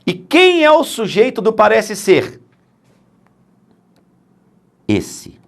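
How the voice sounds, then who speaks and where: A man's voice: sits high, huge pitch swings, very slow, creaky. A man teaching grammar for exam prep, emphatic and fond of asking and answering his own questions.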